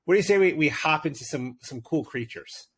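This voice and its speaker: A podcast co-host who also serves as game master on a tabletop gaming show speaks in a husky, somewhat high, expressive voice at a fairly quick pace. He chats eagerly with many fillers and narrates a dramatic scene.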